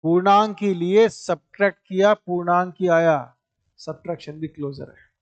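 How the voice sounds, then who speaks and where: High-voiced male maths teacher, step by step. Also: normal speed, dry recording, dull audio. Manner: explains step by step, repeats points and asks rhetorical questions. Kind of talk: classroom lecture.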